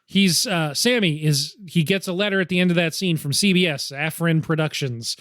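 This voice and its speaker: A man's voice: a little high, normal speed, a bit bright, dry recording, studio quality. A man co-hosting a podcast who is losing his voice, recounting a film scene and acting out its lines in a casual chat. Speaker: podcast co-host.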